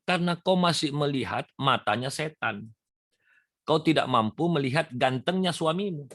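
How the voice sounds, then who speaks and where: A man preaching a religious sermon, lively, acting out the questions of listeners. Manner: lively, swings pitch up and down, acts out quoted listeners. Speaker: preacher and motivator.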